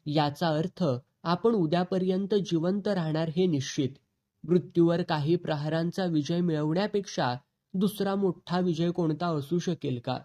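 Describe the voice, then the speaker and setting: Man reading a solemn old-legend hero, measured and declaiming, dark warm tone. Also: fairly high pitch, close to an everyday voice.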